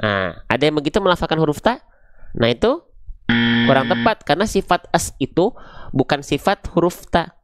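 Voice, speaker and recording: A man's voice: fairly high pitch, big pitch swings, normal speed, long pauses, no room sound. Patient man drilling recitation syllables. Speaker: Quran recitation teacher. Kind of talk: online pronunciation lesson.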